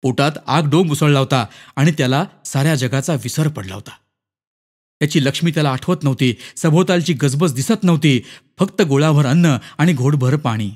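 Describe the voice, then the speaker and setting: A man narrating a short story in an expressive, dramatic reading. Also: a little high, moderate pace. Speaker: story reader. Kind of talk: scripted narration.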